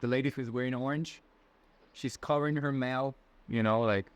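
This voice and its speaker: Speaking at normal speed with fairly even intonation, this man's medium-pitched voice comes across clear and resonant. He's a twentysomething guest from Ecuador with a Latin American Spanish accent, answering interview questions casually in a friendly, hesitant manner, restarting often and using lots of fillers.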